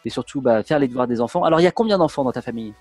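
A man talks quickly as the host of a casual interview, tripping over his words and restarting often. His voice sits at a middle pitch and sounds dry and close, with no room around it. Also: animated, darkish tone, no echo. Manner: fast, chatty, full of restarts and fillers. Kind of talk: casual interview and travel advice.

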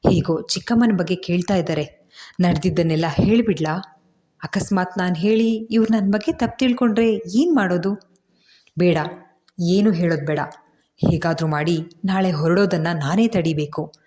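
A woman's voice: lowish voice, normal speed, warm tone, natural voice. A woman voicing a frightened young wife who asks anxious, pleading questions. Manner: pleading, breathless worried questions.

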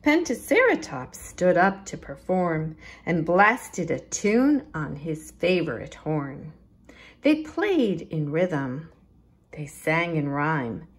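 Reading a picture book to children, a low-pitched woman works as a storytime librarian, delivering each line with deliberate expression and playing up the rhyme and rhythm.

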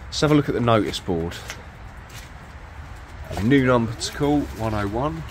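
A British man, a vlogger who explores abandoned places, narrates casually as he walks around an abandoned site outdoors, upbeat and chatty while pointing things out. He has a British English accent and a mid-range, expressive voice at a moderate pace, with a little hiss or hum.

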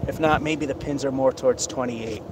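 A man's voice: mid-range voice, fairly even intonation, moderate pace. A man casually commenting and tallying scores as he bowls on an outdoor lane in a parking lot, with wry asides. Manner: chatty, wry asides while keeping score. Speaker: bowler filming himself. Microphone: camera on a stand, away from him. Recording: outdoor camera mic with background noise.

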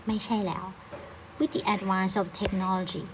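Slow-paced Thai-accented woman teacher. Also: medium pitch, flat delivery, slight background noise, low-quality recording. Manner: explains English words in Thai with frequent polite particles; slow, careful English reading. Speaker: English teacher. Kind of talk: recorded online lesson.

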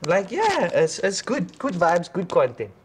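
A man's voice: high-pitched, huge pitch swings, measured pace, a little hiss or hum. A man, flirting playfully on a dating show with a teasing, goofy manner. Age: 20s. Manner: teasing, goofy, laughs often. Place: indoor studio set with a green plant wall.

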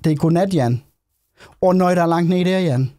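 A man hosting a let's play, chatting casually while gaming, excitable and swearing, repeatedly calling out to his friend. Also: high-pitched.

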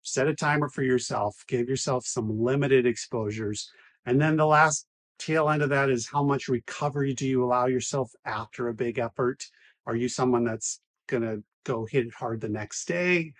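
A man's voice: mid-range voice, moderate pace. A man in his forties, a physical therapist, explaining to camera in his clinic in a methodical way, laying out his points one by one on a lapel mic.

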